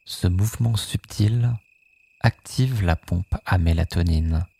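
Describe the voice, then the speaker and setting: Sleep hypnosis guide: hushed and soothing, dark mellow tone, slightly husky, extremely unhurried delivery. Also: deep voice. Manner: soothing, hushed, with phrases echoed softly.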